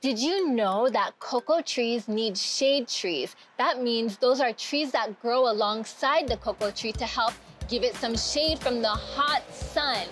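A woman's voice: on the high side, measured pace, fairly bright tone, soft background music. A woman guest explaining a process to children, patiently and step by step. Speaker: chocolate maker guest.

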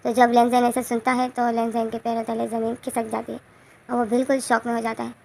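Female storyteller, gravelly, monotone, casual and rambling, fixes her own slips. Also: on the high side, quick pace, a little hiss or hum. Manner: rambling, self-correcting.

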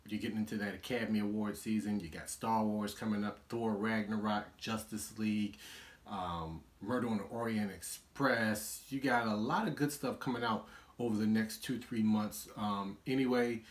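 A young man hosting his own vlog, reviewing a movie in an animated, exasperated rant with sarcastic asides. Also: on the low side, moderate pace. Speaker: vlog host.

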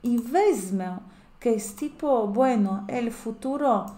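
Slow, patient woman teaching grammar. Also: on the high side, lively intonation, dark tone, echoey room. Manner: explains patiently, often checks with a rising "¿sí?" or "¿no es cierto?". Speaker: language teacher. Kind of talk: grammar lesson.

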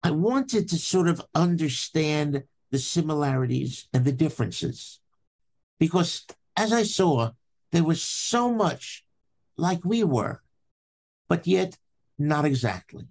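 An older man from Brooklyn, a professor telling a story from his childhood in a podcast interview, slow and deliberate with dramatic pauses. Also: a little high, animated, a little mellow. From Brooklyn, New York. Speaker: anatomy professor, guest.

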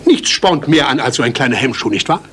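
An actor playing a pompous, blustering, harried police inspector in an audio drama. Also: male voice, mid-range voice, expressive, fairly quick, fairly bright tone, a little hiss or hum, natural voice. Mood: pompous, coaxing. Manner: pompous, blustering, hesitant when asking. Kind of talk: German audio drama acting.

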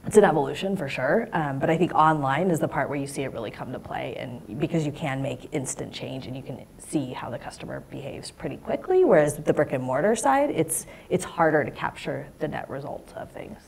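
A woman's voice: deep voice, expressive, brisk, gravelly, few pauses, darkish tone, slight background noise. A woman in her thirties speaking as a panelist in a lecture hall on a lapel mic, thoughtful and gesturing as she explains. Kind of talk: panel discussion.

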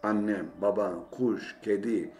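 A man's voice: lowish voice, fairly even intonation, slow, darkish tone, slight background noise. A man teaching a language lesson, saying each phrase twice and then translating it. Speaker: Arabic teacher. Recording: roomy echo, faint ambience.

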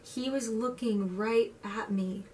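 A woman in her twenties acting a dramatic monologue as a wistful, sorrowful young woman, with a tender, halting delivery. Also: on the high side, fairly even intonation, darkish tone. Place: plain indoor room. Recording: distant mic, faint room noise.

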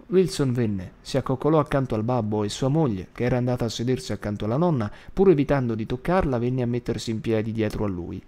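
Man reading a novel aloud for his audiobook channel, calm, measured, even pace. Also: mid-range voice. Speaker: audiobook reader. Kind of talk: literary audiobook narration.

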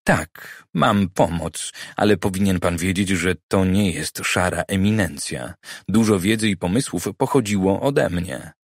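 Audiobook role: male narrator playing a shrewd private eye, deep voice, dry studio sound, calm persuasive delivery. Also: slightly rough, no echo, full character voice. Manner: measured, persuasive. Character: cautious, clever male private detective.

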